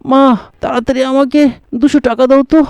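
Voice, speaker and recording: A woman's voice: high-pitched, steady tone, fairly quick, darkish tone, clear, resonant tone, no room sound, studio quality. A woman with a Bengali accent voicing a teenage boy in a cartoon, pleading, whiny and prone to sulky outbursts. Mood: feigning pain.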